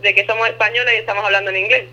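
A woman's voice: medium pitch, steady tone, very fast, sharp tone, dull audio. A woman from southern Spain with a lisping Andalusian accent that drops letters, chatting colloquially as an interview guest over a remote call. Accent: Andalusian, from Ubrique. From Ubrique, Andalusia, Spain. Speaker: interview guest living abroad. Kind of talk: casual phone interview.

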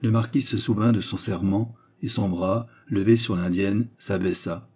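A man reading a novel aloud as narrator, in a measured, dramatic way. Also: on the low side, steady tone, a little mellow, husky. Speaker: audiobook narrator. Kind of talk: scripted narration.

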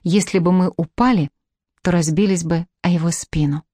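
A woman narrating a fantasy novel in the first person, in a measured storytelling manner. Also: on the low side, mellow, slightly rough, dry recording. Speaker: audiobook narrator.

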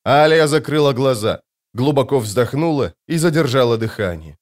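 A man reading an audiobook in a measured, even narration. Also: mid-range voice. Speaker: audiobook reader. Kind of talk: scripted narration.

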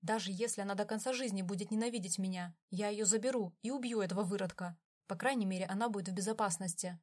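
A woman's voice: mid-range voice, quick pace, a little mellow, close to an everyday voice. A woman voicing an enraged brother who snarls and hisses his words. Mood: furious. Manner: snarling, hissing. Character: furious older brother, violent, hissing.

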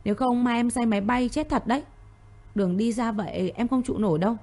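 A woman voicing a tearful, pleading young woman in an audio story, with a mellow voice and a slightly raised pitch. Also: a little fast. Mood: anxious pleading.

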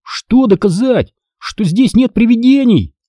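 An exasperated twelve-year-old boy who snaps at his little brother, as a man narrating a storybook puts him on. His voice is high and lively, with a husky edge and short, impatient, scolding bursts. The recording is dry and close. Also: normal speed, no echo. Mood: angry.

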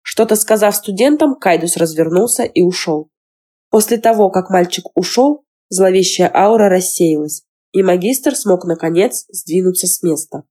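Woman, audiobook narrator, scripted narration, mellow dark voice, even measured reading. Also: on the low side.

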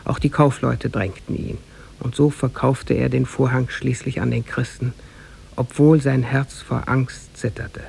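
For 1950s German radio, a man with a husky, gravelly voice reads a scripted tale in a formal, measured storytelling manner. He stays at medium pitch with little movement and a darkish tone, against slight background noise.

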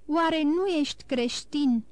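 A woman's voice: high-pitched, a little mellow, no room sound, natural voice. A woman voicing a starving, desperate male banker who begs for his life in broken, pleading cries, in an audiobook. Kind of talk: audiobook reading.

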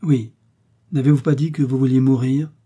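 A man reading the part of a young noblewoman in a historical romance audiobook, lifting his voice and speaking softly and pleadingly. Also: medium pitch, fairly even intonation, normal speed, breathy edge, pitched above the performer's own voice, close to an everyday voice. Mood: earnest. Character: young noblewoman, tender and trembling.

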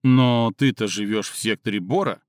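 A man voicing a sleepy, irritable man in an audiobook reading, slightly hoarse and sarcastic, sometimes barking. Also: fairly low pitch, normal speed, dry recording, clean studio sound, voice pushed down, lightly acted.

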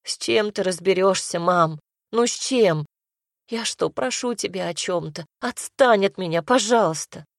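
A woman's voice: medium pitch, a little slow, creaky, dry recording. A woman voicing a distraught young woman who sobs and pleads, in a dry, close reading. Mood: tearful. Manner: sobbing, pleading, snapping.

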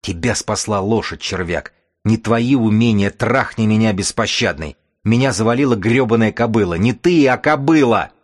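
A man's voice: low-pitched, a little fast. A man voicing a vicious, wounded male raider chief who snarls and swears with spite. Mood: furious.

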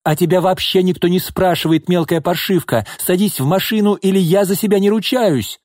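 Shrill raging drunk mother, voiced by a man, high and swooping, dry close sound. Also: very animated, moderate pace, darkish tone, slightly rough, no room sound. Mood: venomous. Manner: shrieking, insulting, bullying.

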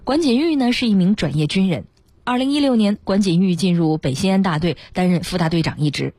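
A woman's voice: mid-range voice, expressive, mellow, no room sound. A female radio co-host, retelling a news item and chatting with her partner in a studio. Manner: brisk backchannels, reads news items smoothly.

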